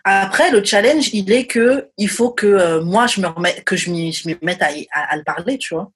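A young woman from France in a casual chat, hesitant, restarting often and trailing off quietly. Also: mid-range voice, moderate pace, husky.

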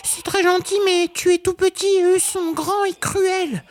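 A woman's voice: extremely high pitch, steady tone, measured pace, darkish tone. A woman playing a timid young ostrich. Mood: fearful. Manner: frightened, pleading.

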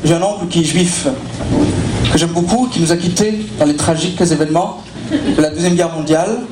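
A man playing a pompous German former opera singer in a stand-up sketch, with a German accent and stiff, formal, deadpan delivery. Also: fairly high pitch, a little fast, background noise, close to an everyday voice. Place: comedy stage before an audience. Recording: roomy live club recording, loud crowd laughter.

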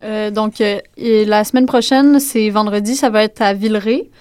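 Female guest performer, conversational, mid-pitched, recorded dry in a studio. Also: fairly even intonation, normal speed, a little mellow, clean tone, dry recording. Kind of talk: casual radio interview. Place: radio studio.

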